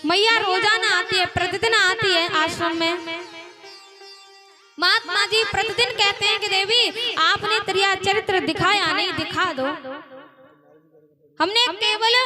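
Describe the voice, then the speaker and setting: A young woman preacher telling a devotional story in a sermon, in a sing-song storytelling manner with dramatic pauses. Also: very high voice. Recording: sitar music playing behind.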